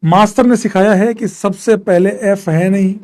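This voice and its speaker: A man with a high voice teaches a live online chemistry class, counting atom numbers aloud and mixing English terms into his talk. He reads out student questions and answers them, teasing and jokingly scolding the class. His pitch sits well above most men's. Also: steady tone, normal speed, darkish tone.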